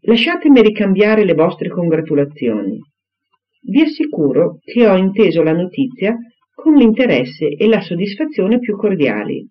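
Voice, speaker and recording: A man voicing a charming, eager young gentleman in an audiobook reading, speaking earnestly and effusively. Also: sits high, sing-song, moderate pace, highs cut off.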